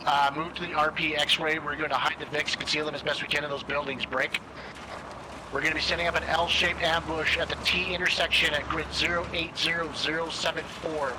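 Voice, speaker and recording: A man with a slightly high voice relays military game orders. He is measured and procedural, with clear engine noise behind him. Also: little pitch movement. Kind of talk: radio callouts with procedure words.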